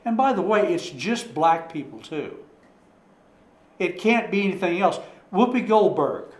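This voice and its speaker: In an echoey church meeting room, a Bible study leader talks informally with his group in a high, animated male voice at a measured pace. His casual talk rambles, full of restarts, repeated words, and rhetorical questions put to the group.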